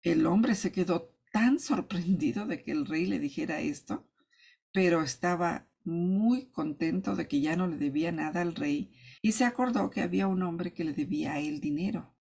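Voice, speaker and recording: A Sunday school teacher tells a Bible parable to children, lively and expressive, slipping into the voices of the king and the pleading servant. Her voice is low and gravelly with a husky edge. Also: moderate pace. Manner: animated, acts out the characters' pleas and commands. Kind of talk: storytelling Bible lesson for children.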